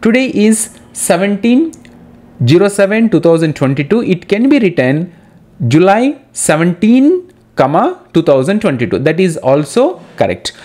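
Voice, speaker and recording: A man walks students through an exam-prep lesson, explaining each step and repeating the key points. His pitch sits a little high and swings widely as he stresses words. He speaks directly to his listeners while moving through slides. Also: sing-song, normal speed, a little mellow. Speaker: English teacher.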